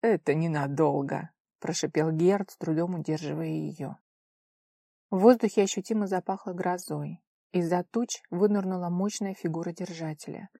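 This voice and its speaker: A woman narrating a fantasy audiobook in a measured, expressive voice pitched a little low. The recording is dry and close. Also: creaky, no room sound.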